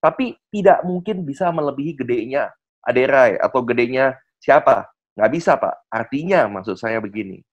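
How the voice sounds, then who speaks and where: A man's voice: medium pitch, lively intonation, normal speed. A man, guest speaker in a casual online presentation, who acts out sales dialogues and keeps addressing the listener politely. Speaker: guest speaker on network marketing. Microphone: video call. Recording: muffled online call audio.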